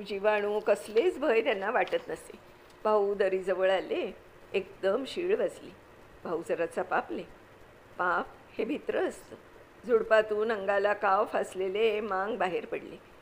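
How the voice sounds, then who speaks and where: A woman reading a classic novel aloud with measured, expressive storytelling. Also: mid-range voice, slight background noise, poor audio. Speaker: narrator.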